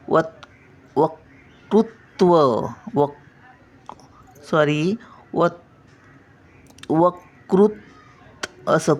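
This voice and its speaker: An older woman teaching a spelling and pronunciation lesson, slowly drawing out syllables to show how words are said. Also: lowish voice.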